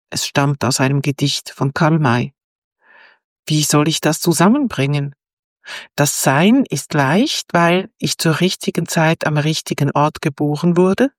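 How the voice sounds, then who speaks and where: A woman narrating a first-person story in a calm, measured and reflective way. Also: on the low side, no echo, studio quality.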